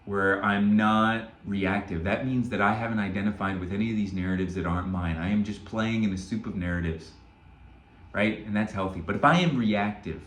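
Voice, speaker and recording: A man's voice: fairly low pitch, a little fast, fairly bright tone, echoey room. A man coaching listeners in a spoken motivational lesson, telling a story and often checking in with "right?". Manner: earnest, storytelling, frequent "right?" check-ins. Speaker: self-help coach.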